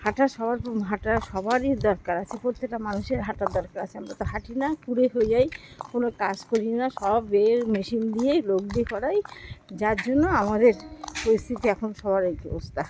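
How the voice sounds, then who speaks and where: A middle-aged woman vlogs to her viewers in a brisk, higher-pitched voice, speaking to them directly and repeating herself as she goes. She's out of breath from walking, and the recording echoes under loud background noise.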